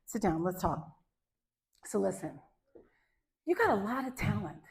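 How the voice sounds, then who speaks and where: A woman on stage acting out a friendly male school dean giving a calm, fatherly lecture. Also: medium pitch, unhurried, gravelly, pitched below the performer's own voice.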